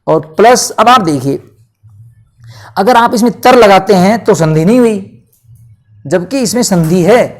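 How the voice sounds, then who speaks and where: A man teaching a Hindi grammar lesson, explaining slowly and asking and answering his own questions. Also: sits high, darkish tone.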